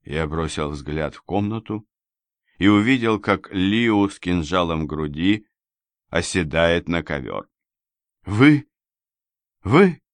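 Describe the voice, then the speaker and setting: Low-voiced male audiobook narrator. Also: no room sound. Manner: measured, dramatic storytelling. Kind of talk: scripted first-person narration.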